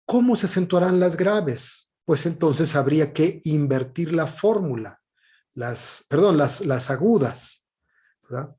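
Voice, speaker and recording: Male teacher, slightly high voice, unhurried and patient lesson delivery. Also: lively intonation, a little mellow. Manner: patient, explanatory, with frequent "eh" pauses. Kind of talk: recorded classroom lesson.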